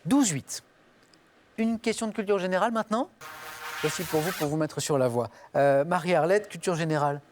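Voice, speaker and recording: A man's voice: a little high, moderate pace, a little hiss or hum. A man hosting a television quiz show, reading clues in the first person and calling on the players by name. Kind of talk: game show question reading.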